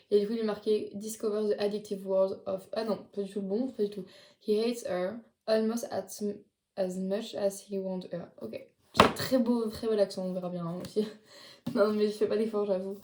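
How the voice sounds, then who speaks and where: A woman's voice: mid-range voice, warm tone, roomy sound. A teenage girl chatting casually in a haul vlog from her bedroom, filling her talk with lots of casual filler words. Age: late teens. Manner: chatty, many fillers like "genre" and "du coup". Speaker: vlogger. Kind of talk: casual haul video chat.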